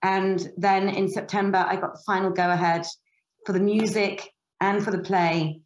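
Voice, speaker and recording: A woman talking about staging a play, her voice pitched in the middle of the female range. She rambles, circling back with fillers and restarts, and the room around her rings with echo. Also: level tone, normal speed. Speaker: theatre producer and director. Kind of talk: casual interview chat. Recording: echoey room.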